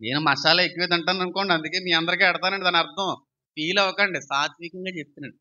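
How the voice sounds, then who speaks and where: A man's voice: high voice, fairly even intonation, quick pace, sharp tone, lo-fi sound. A male pastor preaching a sermon, pressing his point with repeated rhetorical questions.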